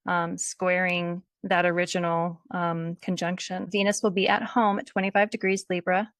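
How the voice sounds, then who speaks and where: A woman with a somewhat low voice explains things easily, thinking aloud as she goes. She sounds dry and close on the mic. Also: level tone, normal speed, a bit bright, no echo. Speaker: host. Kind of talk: casual conversation.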